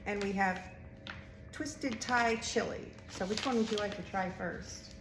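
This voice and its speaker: A woman's voice: mid-range voice, level tone, fairly quick. Female snack-review host, chatty, munching crunchy food mid-sentence, roomy sound with audible background clicks. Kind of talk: casual taste-test chat. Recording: roomy echo, clear background noise with clicks.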